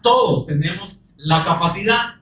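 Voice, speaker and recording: A man with a notably high voice delivers an earnest sermon, full of rhetorical questions and scripture read slowly for weight. He sounds set back from the microphone, and the room around him rings with echo. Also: bright, forceful tone. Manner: earnest, many rhetorical questions, slow emphatic scripture quotes. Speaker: preacher. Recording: roomy echo, distant mic.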